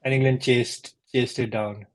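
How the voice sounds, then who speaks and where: A man's voice: mid-range voice, fairly even intonation, unhurried. A man taking part in a cricket quiz in casual chat, thinking aloud with hesitant restarts. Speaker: quiz contestant and co-host.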